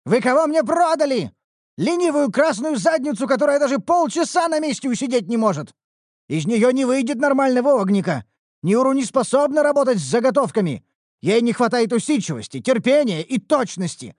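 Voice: mid-range voice, sing-song, moderate pace, darkish tone, no echo, studio quality, voice pushed up. A narrator voicing a stern, indignant male blacksmith master who lectures and bargains in an audiobook. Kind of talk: audiobook character voice.

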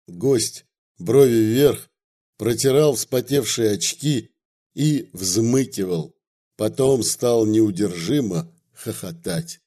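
A man narrating a story aloud with a lively, expressive reading. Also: fairly low pitch, slow pace.

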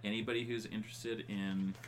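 A man's voice: on the low side, level tone, a little fast. A man running a tabletop game as game master, narrating the action casually. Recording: faint room noise.

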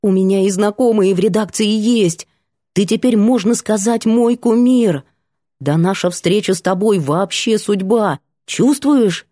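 A woman's voice: mid-range voice, unhurried, dark tone, no echo, studio quality, close to an everyday voice. A woman reading an audiobook, voicing a bubbly, cheeky young female student who gushes and teases. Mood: gushing. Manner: gushing, teasing.

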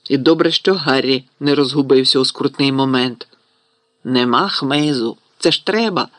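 A man's voice: mid-range voice, moderate pace, a bit bright, no echo, close to an everyday voice. A man voicing a sarcastic, hot-headed schoolboy wizard who blusters at his friends, in an audiobook reading.

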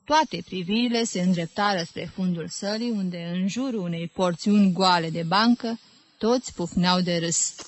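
A woman reading a literary novel aloud as an audiobook, in a lively, expressive storytelling manner. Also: on the low side. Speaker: audiobook reader.

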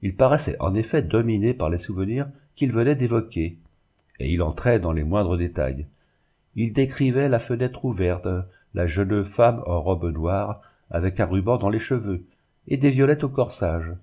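A man narrating a classic novel in a measured, literary reading. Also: on the low side, lively intonation, warm tone. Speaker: audiobook narrator. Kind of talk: scripted narration.

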